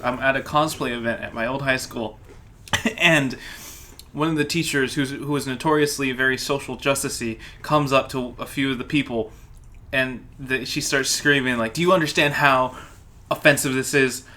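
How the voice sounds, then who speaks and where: A man's voice: mid-range voice, steady tone, moderate pace, bright, forceful tone. Rambling young man hosting a podcast. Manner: rambling, laughs often. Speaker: podcast host. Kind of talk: casual podcast chat.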